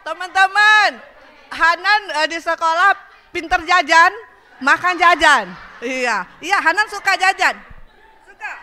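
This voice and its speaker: A woman's voice: very high voice, a little slow, sharp tone, some chatter behind. A young woman hosting a children's radio show, cheerful and coaxing as she talks with small children in the studio.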